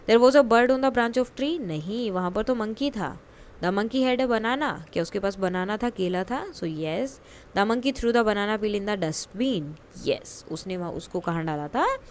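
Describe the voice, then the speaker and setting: A woman teaching a worksheet lesson to young children, reading lines slowly and clearly and explaining them quickly in Hindi. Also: medium pitch, slight background noise.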